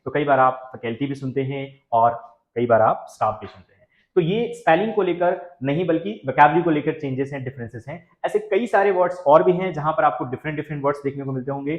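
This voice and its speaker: A man teaching an English lesson who explains patiently, asks the class questions and mixes English phrases into his talk. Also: fairly high pitch. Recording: echoey, muffled room recording.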